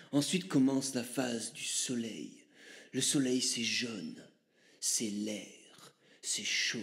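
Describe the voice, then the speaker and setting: A man putting on a low, murmuring voice as a dreamy mystical shaman character, often drifting into a whisper. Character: mystical male shaman guru, dreamy and hushed. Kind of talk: comic sketch monologue.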